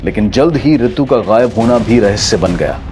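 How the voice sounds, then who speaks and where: A man's voice: on the low side, expressive, moderate pace. Grave male crime-show narrator. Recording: music bed under voice-over.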